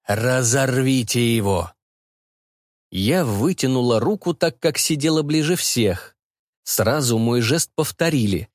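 A man narrating an audiobook in a playful, expressive storytelling manner. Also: medium pitch, a little slow, no echo, clean studio sound.

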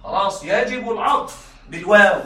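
A man teaching a class, often checking that students follow, repeating key points and reading examples slowly. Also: sits high, animated, sharp tone, roomy sound, far from the mic. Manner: reads examples slowly and deliberately. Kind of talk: classroom lecture.

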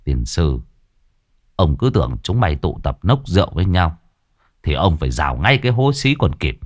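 A man's voice: deep voice, very animated, normal speed, voice pushed down. A man voicing a grumbling, cursing old neighbour. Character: grumpy bald old neighbour.

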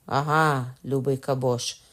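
A woman's voice: a bass voice, fairly even intonation, slow pace, a bit bright, exaggerated voice. A woman reading aloud and voicing a defiant young male nobleman under torture, who mocks his questioners and yelps in pain. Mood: defiant mocking. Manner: mocking, then howling in pain.

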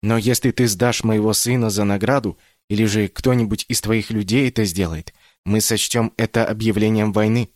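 A man's voice: on the low side, steady tone, normal speed, a little mellow, no room sound, studio quality, close to an everyday voice. A man doing Mama Rila, a loving stern storyteller. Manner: tender, pleading, then proudly stern.

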